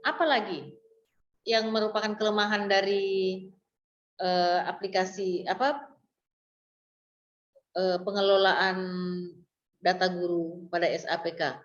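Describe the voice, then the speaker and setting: A woman's voice: mid-range voice, steady tone, takes it slowly, long pauses, roomy sound, highs cut off, a little hiss or hum. A woman training instructor guiding an online class, explaining step by step with frequent fillers and restarts over a video call.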